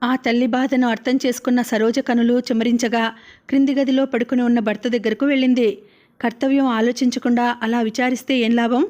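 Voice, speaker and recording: A woman narrating a novel aloud as an audiobook reader, with a steady, even reading. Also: fairly high pitch, fairly quick.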